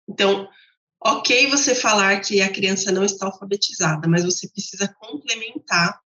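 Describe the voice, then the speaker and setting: A Brazilian woman gives a teaching talk to teachers at a medium pitch, laying out her points step by step through contrasts. Her voice carries a noticeable room echo. The recording sounds slightly dull. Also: pushed and bright. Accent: Brazilian Portuguese. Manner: didactic, repeats points with contrasts. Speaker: literacy educator.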